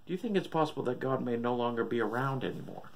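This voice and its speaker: A troubled married man acted by a male narrator speaks with earnest, searching doubt. His voice has a gravelly creak, in the manner of horror storybook dialogue. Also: medium pitch, animated, quick pace, slight background noise. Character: troubled adult son doubting God, shaken husband.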